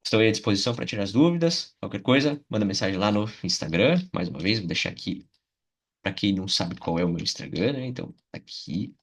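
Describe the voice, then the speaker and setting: Husky-voiced Brazilian English teacher. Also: male voice, fairly low pitch, animated. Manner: patient, repeats words slowly for pronunciation; frequent check-ins with his viewers. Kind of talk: video lesson.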